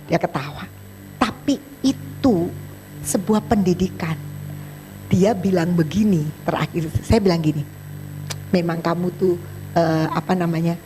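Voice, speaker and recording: Lively woman preacher telling a story. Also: lowish voice, slight background noise. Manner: animated, acts out both sides of dialogues in a chatty colloquial way. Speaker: evangelist preacher. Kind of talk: sermon with storytelling.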